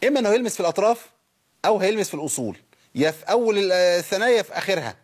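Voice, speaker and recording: A man with an Egyptian Arabic accent teaching Quran recitation on a program, drilling pronunciation by drawing sounds out slowly and asking his listeners questions. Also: high-pitched, expressive, breathy edge. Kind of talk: tajweed lesson on a program.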